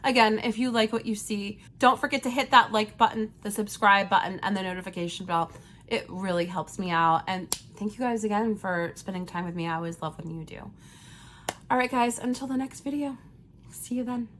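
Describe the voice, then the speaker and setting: A woman with a sick-sounding voice gives a chatty, lively makeup review as a beauty vlogger. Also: medium pitch, fairly quick, slight background noise.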